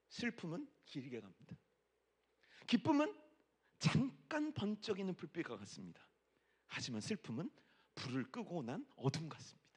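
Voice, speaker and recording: A man in his forties preaching as a pastor, chatty and teasing with the congregation, his voice swinging between loud and hushed. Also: high-pitched, breathy edge. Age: 40s. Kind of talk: sermon at a youth worship service.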